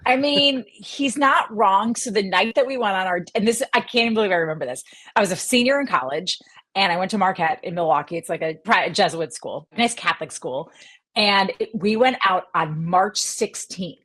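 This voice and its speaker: A Wisconsin woman in her forties, a sports journalist appearing as a guest, chats casually and tells animated stories, laughing often. Her voice sits at medium pitch with a moderate pace, and the recording is dry.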